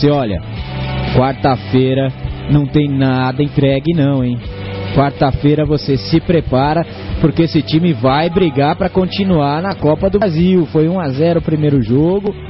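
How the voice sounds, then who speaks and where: A man with a Brazilian Portuguese accent hosting a post-match football show, giving commentary. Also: on the high side. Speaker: sports radio host. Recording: dull web radio sound over music.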